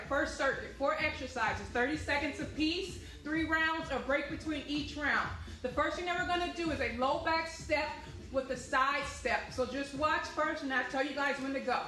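A woman's voice: high-pitched, sharp tone, reverberant, poor audio. A young woman working as an aerobics instructor, leading a workout with short motivational cues and counts, recorded from a few steps away in an indoor room. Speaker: fitness class instructor. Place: medium-sized indoor activity room with hard floor. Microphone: camera or phone a few steps away.

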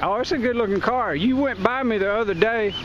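A man's voice: sits high, fairly quick. A man hosting a casual outdoor interview, folksy and chatty. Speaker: host. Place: outdoors in a parking lot. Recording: lo-fi with loud wind noise.

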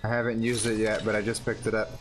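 A young man streaming a shooter game, chatting casually and excitedly with a friend, swearing often. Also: lowish voice, fast talker, over music. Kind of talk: casual gaming chat.

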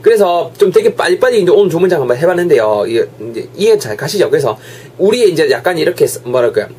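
An energetic young male English teacher, drilling short phrases again and again. His voice sits somewhat high and swings widely in pitch, and a faint hum runs underneath. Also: fast talker. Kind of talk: online English lesson.

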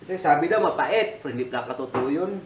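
A Filipino man rambles casually through a cooking story, full of fillers and asides. His voice sits a little high and comes from some distance off the mic. The kitchen is roomy and echoey, with clicks and clatter heard behind him. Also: animated, quick pace, noisy background. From Philippines. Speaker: cooking vlogger.

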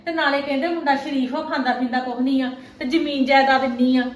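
Actress as high-voiced village mom, blunt and scolding, echoey room. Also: female voice, steady tone, fast talker, natural voice. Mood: worried. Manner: scolding, blunt, rhetorical questions. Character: stern village mother, scolding and worried.

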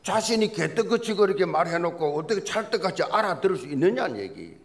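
A pastor preaching a Sunday sermon in a church, telling folksy jokes as he goes. His voice is gravelly with a strong rasp, and his pitch swings widely from high to low. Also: very animated, fast talker. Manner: folksy, joking storyteller. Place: church sanctuary.

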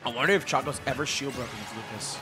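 A man doing excited live esports commentary, swearing freely and breaking into loud outbursts at big plays. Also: medium pitch, very fast, faint music behind.

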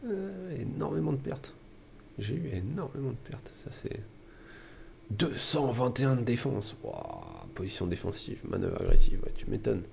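A man hosting a strategy-game let's play, thinking aloud in trailing mutters and soft asides. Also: mid-range voice, sing-song, moderate pace, creaky, a little hiss or hum. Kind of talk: gameplay commentary.

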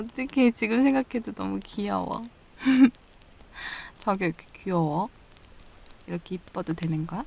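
A woman in a whispered role-play as an affectionate girlfriend, teasing and giggling softly. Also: lowish voice. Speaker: ASMR role-play performer.

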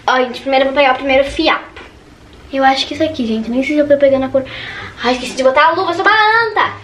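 A woman's voice: high voice, rapid-fire, far from the mic. A teenage girl vlogging from her bedroom at home. She chats nervously and keeps saying "gente" to her viewers. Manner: nervous, chatty, says "gente" constantly. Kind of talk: casual vlog chat. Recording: echoey room with background noise. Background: household noise.

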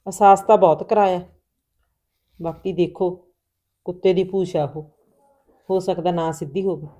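An actress in a family drama, talking earnestly, reassuring at times and heated at others. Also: female voice, fairly low pitch, steady tone, measured pace, dark tone, close to an everyday voice. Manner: earnest, reassuring, turns heated when angry. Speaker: Binder, sister-in-law in the household. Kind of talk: Punjabi family drama acting.

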